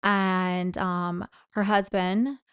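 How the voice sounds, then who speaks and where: A woman telling a story in a casual chat, her voice smooth and resonant. She is animated and breaks into high-pitched impressions of the people she describes. The sound is dry and close. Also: drawn-out words, dry recording. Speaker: guest, former clinic employee.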